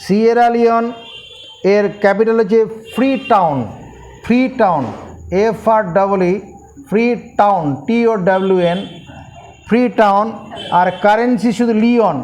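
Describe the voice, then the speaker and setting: A man's voice: high-pitched, steady tone, darkish tone. A man teaching an informal geography lesson, repeating names and spelling them out letter by letter. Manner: slow, repetitive, spelling letter by letter.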